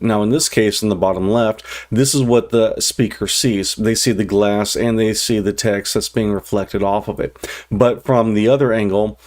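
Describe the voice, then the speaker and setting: Low-voiced middle-aged man explaining informally. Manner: unscripted, conversational phrasing. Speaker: instructor presenting a lesson. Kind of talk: informal explanatory lecture over slides.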